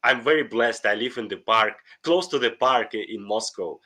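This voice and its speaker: Here a middle-aged man with a Russian accent, a life coach, talks at normal speed in a fairly low, bright voice with a forceful tone. He is a podcast interview guest, earnest and enthusiastic, and often begins his sentences again.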